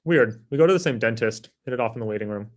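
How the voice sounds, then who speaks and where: At a comedy table read, a male actor plays a lazy, self-absorbed office coworker, sounding casual and dismissive. His natural voice is medium-pitched, expressive, and fast.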